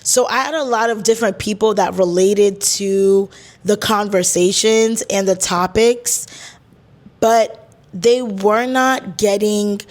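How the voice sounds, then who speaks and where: A woman's voice: medium pitch, fairly even intonation, slow. Chatty young woman podcast host. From Boston, USA. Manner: chatty and conversational, with asides like "child" and "hold up". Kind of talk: casual solo podcast monologue.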